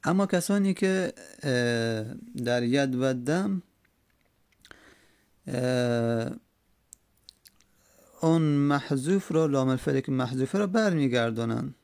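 A man explaining an Arabic grammar text in a slow, repetitive way, with many hesitations. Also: mid-range voice, expressive, a little mellow, no echo, clean studio sound.

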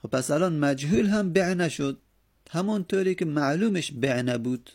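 Gravelly-voiced male grammar teacher. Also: a little high. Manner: patient, repeats forms in steady drills. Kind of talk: grammar lecture with recited conjugations.

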